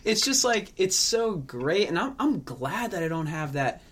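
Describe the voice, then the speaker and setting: A man's voice: a little high, big pitch swings, measured pace, fairly bright tone, a little hiss or hum. A man in his late twenties chatting casually and reflectively, full of "like" and "you know what I mean". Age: late 20s. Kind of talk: casual conversation.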